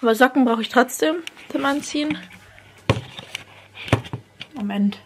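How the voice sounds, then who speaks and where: Nervous, excitable young woman vlogger. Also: high voice, measured pace, background noise. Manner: nervous, excitable, drops into whispers. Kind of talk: casual vlog chat. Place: at home.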